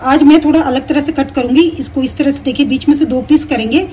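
A woman calmly explaining each step of a recipe while she cooks at her stove at home. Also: high voice, fast, recorded from a distance, a little hiss or hum, poor audio. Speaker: home cooking teacher. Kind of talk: step-by-step cooking instruction.

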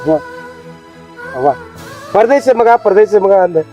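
A man's voice: high voice, expressive, unhurried, dark tone, highs cut off, soft background music. A man with a North Karnataka accent playing an emotional young son caught between his stepmother and his wife in a village family drama skit. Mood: pleading. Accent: North Karnataka Kannada. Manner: pleading, emotional. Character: pleading young married son, torn between mother and wife.

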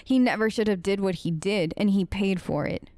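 Speaking as her character in a let's play, this woman improvises casual role-play right up against the mic. Her medium-pitched, slightly mellow voice moves at an everyday speed, hesitant and conversational, with no echo.

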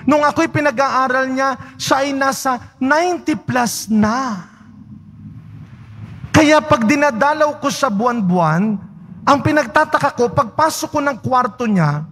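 Man, priest, homily, fairly high voice, conversational, asks questions, church. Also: measured pace, a bit bright. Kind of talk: homily at Mass. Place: large church.

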